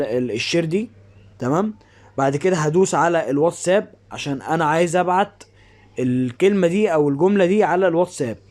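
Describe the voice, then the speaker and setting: Quick Egyptian man, higher-pitched voice. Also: a little mellow. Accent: Egyptian Arabic. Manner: informal, step-by-step explaining. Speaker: app tutorial presenter. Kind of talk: casual spoken screen-recording tutorial.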